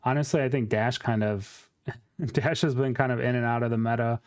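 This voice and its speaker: Smooth-voiced man hosting a card show. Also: mid-range voice, fairly even intonation, normal speed. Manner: friendly, steers the talk, frequent ums. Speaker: channel host. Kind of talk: casual card game discussion.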